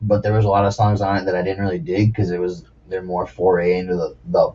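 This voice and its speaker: A man's voice: low-pitched, level tone, fast, warm tone. A man hosting a casual podcast chat, laid-back and casually swearing. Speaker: podcast host. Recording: muffled lo-fi podcast audio.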